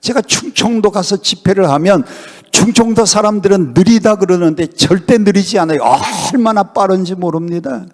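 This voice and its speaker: A man's voice: high voice, moderate pace, few pauses. An older man preaching a revival sermon as guest pastor, putting emphatic questions to the congregation. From Honam, South Korea. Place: church sanctuary at a revival meeting. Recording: long reverb in a church hall.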